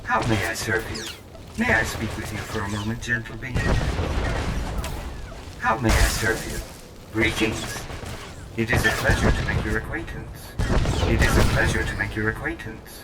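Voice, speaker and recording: A man voicing an overly polite male service droid in a video game, with a too-smooth synthetic android sound and repetitive, mechanical greetings. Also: lowish voice, completely flat delivery, normal speed, pauses often. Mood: eerily polite. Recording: roomy game audio over loud music and gunfire.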